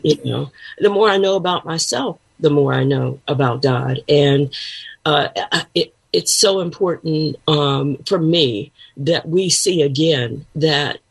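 A woman talks as a show guest in a husky voice. She is slow and halting, pausing to search for words in casual conversation. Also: deep voice. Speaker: guest, pastor and counselor. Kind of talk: conversational interview.

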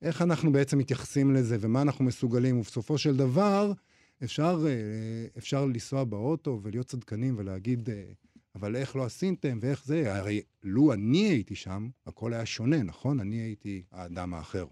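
A man hosting a radio literary show, reading a passage aloud and then discussing it in a measured, reflective way. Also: mid-range voice, dark tone, no room sound, clean studio sound.

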